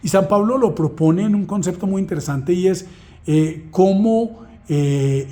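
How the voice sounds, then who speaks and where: A man's voice: fairly high pitch, warm tone. A man explaining a training unit in a conversational way, full of rhetorical questions and self-deprecating asides. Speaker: trainer presenting a course unit. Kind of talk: explanatory lesson walkthrough.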